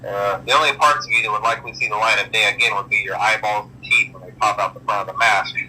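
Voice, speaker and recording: A man's voice: lowish voice, fairly even intonation, quick pace, pushed and bright, a little hiss or hum, low-quality recording. An actor playing a chatty male night-shift trainer who leaves a recorded phone message, rambling offhandedly with plenty of uh and um. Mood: offhand. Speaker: recorded guide in a horror game.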